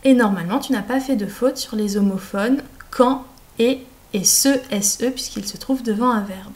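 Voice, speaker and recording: A woman speaking as a French teacher, carefully enunciating in a didactic, deliberate way as she dictates and explains. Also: mid-range voice, darkish tone. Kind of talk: slow, articulated classroom dictation and explanation.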